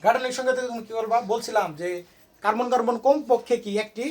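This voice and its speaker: A male tutor runs an informal lesson for students, firing off one question after another. His voice sits high and his pace is quick. He talks to the students in a small room. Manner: quizzing students with constant questions. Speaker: private tutor.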